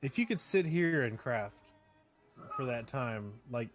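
Male stream co-host, mid-pitched, casual, folksy and sweary, music in the background. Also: lively intonation, unhurried. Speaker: live stream co-host and interviewer. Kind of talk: casual live stream banter. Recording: music behind the voice.

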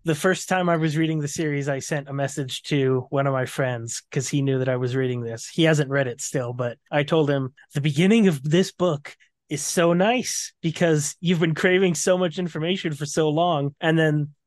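A man's voice: on the high side, fairly even intonation, normal speed, no echo. A man co-hosting a casual book discussion podcast, recapping scenes and reading quotes aloud. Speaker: podcast co-host.

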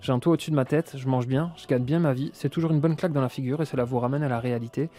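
A man's voice: medium pitch, steady tone, rapid-fire, warm tone. A man narrating a footballer's story and arguing his case as a pundit, punchy and story-driven. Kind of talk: scripted narration and argument.

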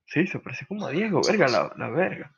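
A man's voice: on the high side, sing-song, a little fast, vocal fry, a bit bright, slightly rough. A young man chatting casually with friends, rambling and slangy, telling stories. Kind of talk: casual chat among friends. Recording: slightly muffled lo-fi recording.

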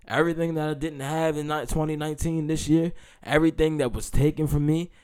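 A man's voice: mid-range voice, a little mellow, clear, resonant tone. A man hosting a podcast in informal, slangy speech, talking like a motivational speaker and repeating phrases for emphasis. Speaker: podcast host. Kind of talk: motivational pep talk and sports commentary to listeners.

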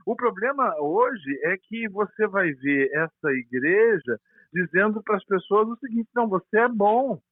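A male pastor with a Brazilian Portuguese accent talks over a narrow, tinny phone line, his voice pitched high. He explains doctrine earnestly, often restarting phrases as he hunts for words. The line is dry and close, with no room sound. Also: lively intonation, a little slow, dry recording. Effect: heard over a phone line. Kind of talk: theological discussion on a call.

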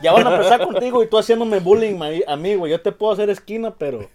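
A man's voice: high voice, fast talker, a little mellow. A man teasing and questioning his friends in casual podcast banter. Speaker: podcast co-host.

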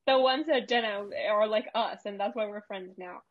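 A teenage girl chatting expressively with friends, quick to laugh. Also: medium pitch, muffled recording. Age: teens. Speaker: student in group chat. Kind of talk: casual chat.

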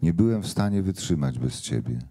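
A man's voice: deep voice, animated, fairly quick, warm tone, husky. A man reading the lines of a young man pleading with the woman he loves, in a book reading.

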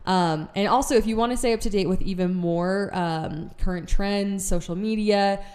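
A woman's voice: medium pitch, moderate pace, darkish tone. A young woman hosting a podcast in casual chat, bubbly and gushing, with lots of filler words. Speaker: podcast host.

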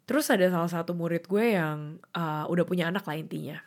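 A woman's voice: lowish voice, fast talker. Tearful young woman telling a personal story. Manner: mixes English phrases, emotional and tearful at times. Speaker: podcast host.

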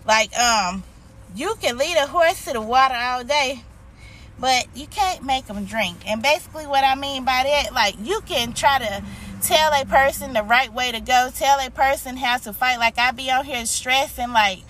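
Bright-voiced American woman, motivational life coach. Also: high voice, moderate pace. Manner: motivational life-coach encouragement, emphatic repetition. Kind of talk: informal motivational talk to online followers.

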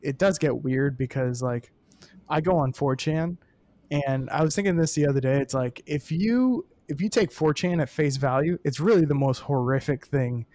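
Brief: young male comic, slightly high voice, rambling musing co-host. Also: normal speed, dark tone. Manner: musing, rambling with many restarts. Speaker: comedian podcast co-host. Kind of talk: casual chat.

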